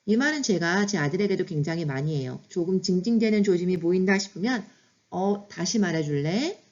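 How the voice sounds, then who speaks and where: A mother hosts a parenting lesson in a lowish, slightly mellow voice with lively intonation and a quick pace. She explains situations in a chatty, instructive way before giving set phrases, and the recording is muffled.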